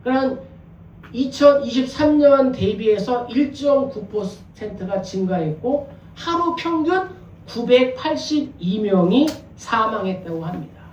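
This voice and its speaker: A man's voice: very high-pitched, animated, a little slow, recorded from a distance, a little hiss or hum. Man preaching in an echoey church. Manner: conversational preaching with rhetorical questions and jokes. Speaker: pastor. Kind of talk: sermon. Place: church sanctuary.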